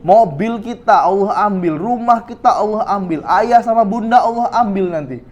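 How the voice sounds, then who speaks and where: A man's voice: high-pitched, normal speed, highs cut off, lightly acted. A male preacher acting out a parent warning a small child, coaxing and threatening by turns.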